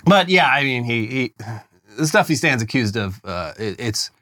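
A man's voice: mid-range voice, sing-song, moderate pace, bright, forceful tone. A man co-hosting a comedy podcast, ranting in mock outrage with sarcastic asides, then dropping to mumbles. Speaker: podcast co-host. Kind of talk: comedic political banter.

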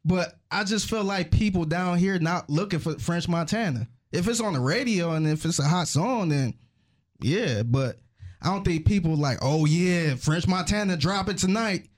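Man, slightly high voice, relaxed casual talk. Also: normal speed. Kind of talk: casual chat.

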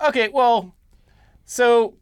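A man's voice: very high voice, takes it slowly, clear, resonant tone, dry recording. A man co-hosting a casual news commentary show, reading articles aloud and riffing bluntly with swearing.

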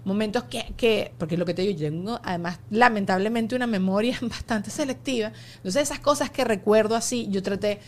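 Fast-talking woman host. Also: medium pitch. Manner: chatty, animated, emphatic. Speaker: podcast host. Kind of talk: casual conversation.

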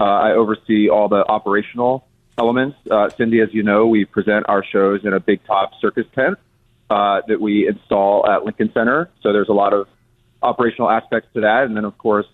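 A man gives explanatory answers as a guest in a radio interview. His voice is fairly low, and the sound is narrow and tinny, like a telephone line. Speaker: circus chief executive, guest. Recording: thin, phone-like band-limited sound.

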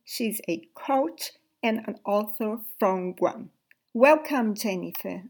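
A woman's voice: medium pitch, lively intonation, slow, darkish tone. A woman hosting a podcast interview, asking friendly, encouraging questions. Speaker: podcast host.

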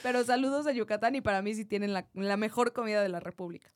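A young Mexican woman with a Mexican accent, co-hosting a casual chat, animated and laughing often. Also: mid-range voice, fast talker. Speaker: podcast co-host.

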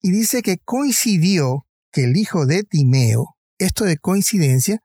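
A man's voice: sits high, big pitch swings, measured pace, dark tone, slightly rough, no room sound, studio quality. A man giving a Bible reflection, explaining the passage and retelling the story vividly. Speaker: preacher.

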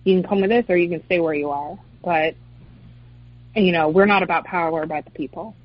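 A woman in casual discussion, talking in an animated way with many fillers and acted-out quotes. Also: lowish voice, fairly quick. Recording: dull lo-fi recording.

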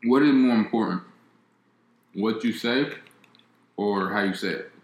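A man co-hosting a casual chat, mostly monotone, rambling as he works through his points. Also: lowish voice, a little slow. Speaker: co-host. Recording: echoey room.

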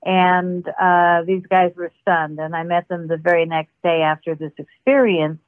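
Lowish-voiced woman on a tinny phone line. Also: steady tone, a little slow, no echo. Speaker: interview guest, filmmaker. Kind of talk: conversational anecdotal storytelling. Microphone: phone or call line.

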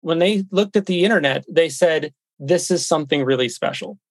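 A man's voice: on the high side, normal speed, dry recording. A man being interviewed as an expert, explaining in a conversational way.

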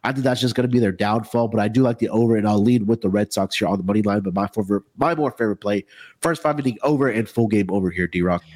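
A man's voice: lowish voice, quick pace, a little mellow. A man hosting a casual sports betting talk, sounding under the weather with a froggy, congested voice. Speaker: sports betting show host.

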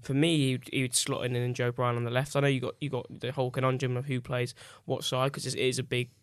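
A man's voice: medium pitch, flat delivery, fast, smooth, no echo. A man giving opinionated football analysis on a fan podcast. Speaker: podcast panelist. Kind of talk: casual fan podcast chat.

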